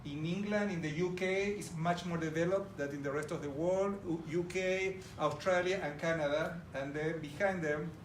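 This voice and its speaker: The recording, roomy and distant with background noise, captures a middle-aged man from Argentina addressing a live audience head-on in a large room. His Argentine Spanish accent colors an enthusiastic presentation delivered in a slightly high voice, with fairly even intonation, a moderate pace, and few pauses.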